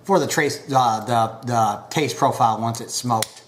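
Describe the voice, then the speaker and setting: Slight background noise accompanies a man with a mid-range voice as he leisurely reviews pipe tobacco. He pauses often with fillers and sounds somewhat stuffy from a recent cold.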